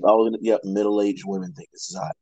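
A man's voice: fairly low pitch, level tone, normal speed, dark tone, no echo, highs cut off. A man co-hosting a podcast, trading jokey, profane banter and laughing. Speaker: podcast co-host. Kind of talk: casual chat.

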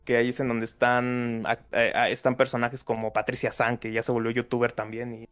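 A man's voice: mid-range voice, completely flat delivery, a little fast, a bit bright, faint music behind. Chatty young Mexican man, laughing often. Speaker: podcast host. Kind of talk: casual chat.

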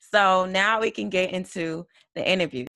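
Young adult host, upbeat, giggly, conversational, mid pitch, dry room. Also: measured pace, vocal fry, bright, forceful tone, no echo, soft background music. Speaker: podcast host. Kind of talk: casual interview chat.

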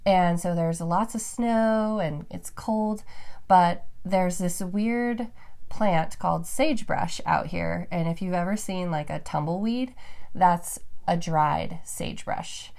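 A woman from Nevada, USA, hosts a solo podcast, sounding upbeat and enthusiastic even though allergies have her stuffed up. Her voice is lowish, creaky, and darkish in tone, and she takes things slowly.

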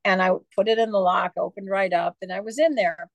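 This author guest keeps a brisk pace and a steady, mid-range voice, recorded without any room sound. In a relaxed storytelling interview, she rambles through long, digressive anecdotes, chatting freely and using many fillers.

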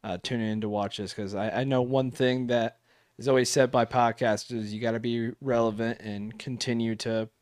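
A man's voice: mid-range voice, steady tone, moderate pace, darkish tone, dry recording. Rambling casual podcast guy, dry sound. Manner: rambling, lots of fillers and restarts. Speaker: podcast co-host. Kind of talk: casual chat.

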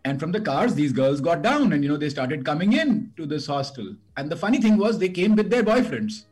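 A man's voice: on the high side, very animated, fairly quick, a little mellow, soft background music. A middle-aged man from India with a north Indian accent, reminiscing casually as an interview guest, hesitant and repeating words, slipping Hindi into his English.

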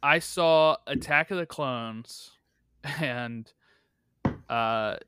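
A young man hosting a casual podcast, pitching ideas in a rambling way with plenty of fillers. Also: drawn-out words, bright, forceful tone, slight background noise. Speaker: podcast host.

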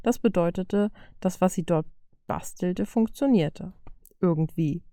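Mellow woman reading a story aloud. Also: lowish voice, measured pace, no room sound, clean studio sound. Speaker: reader. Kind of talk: audiobook reading of fan fiction.

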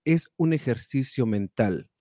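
A man hosting a live talk show, reading out viewer comments with animated, exclamatory reactions. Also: medium pitch, a little slow, dry recording, studio quality. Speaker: show host.

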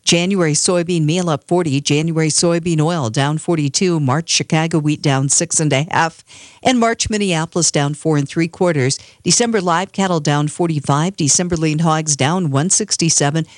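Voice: medium pitch, moderate pace, dry recording, clean studio sound. A radio market reporter reading a scripted list of commodity closing prices.

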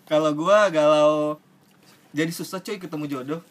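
A man's voice: a little high, normal speed. A man with a Jakarta accent hosting a podcast in casual, joking group chat. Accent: Jakarta Indonesian. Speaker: podcast host.

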